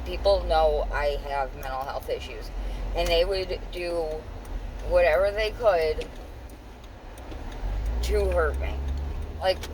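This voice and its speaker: A woman venting in a casual monologue, halting and repetitive, with informal, sweary phrasing. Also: sits low. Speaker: vlogger. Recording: clear steady vehicle-like background noise.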